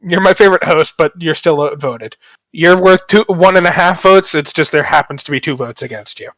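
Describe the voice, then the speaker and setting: A man's voice: on the high side, fairly quick, a bit bright, no echo. A young man hosting a podcast, casual and joking, rambling and self-deprecating. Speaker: podcast host.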